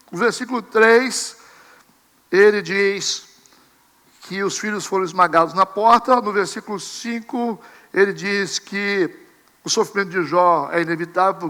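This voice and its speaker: A man preaching a sermon as pastor, animated, acting out his listeners' voices. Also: high-pitched, big-room sound. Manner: animated, acts out congregants and mimics camera clicks. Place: church sanctuary.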